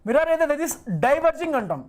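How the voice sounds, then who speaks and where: High-voiced man teaching, repeating himself. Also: very animated, very fast. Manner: repeats himself, asks and answers his own questions; reassuring, coaxing students. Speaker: physics teacher. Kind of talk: live online class.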